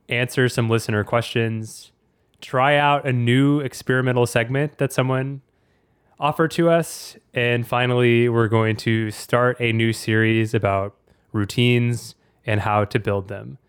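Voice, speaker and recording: Clear-voiced, talkative male podcast host. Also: mid-range voice, steady tone, a little slow, no room sound, clean studio sound. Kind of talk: casual podcast chat.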